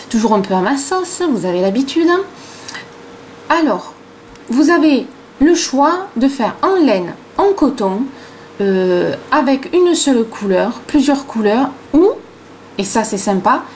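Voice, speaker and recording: A woman's voice: a little high, darkish tone, a little hiss or hum. A middle-aged woman with a regional French accent, hosting a casual crochet tutorial and talking in a chatty way, full of fillers like "hein" and "voilà".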